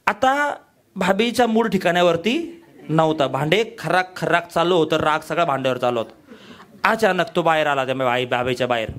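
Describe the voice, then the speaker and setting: A man giving a motivational sales training talk, energetic and full of rhetorical questions to his audience. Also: on the high side, normal speed. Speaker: business trainer.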